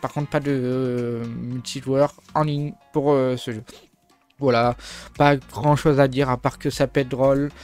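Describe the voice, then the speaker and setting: A man's voice: mid-range voice, little pitch movement, a little slow, darkish tone, clean tone, soft background music. A man whose first language is French, casually rambling through game overviews with jokes, many fillers and restarts. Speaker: gaming video host.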